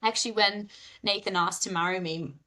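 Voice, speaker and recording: A woman's voice: medium pitch, fairly quick. Frank woman guest. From Wales. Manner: frank, relaxed, rambling with fillers. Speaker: podcast guest, dorm parent and teacher. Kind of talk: casual interview chat.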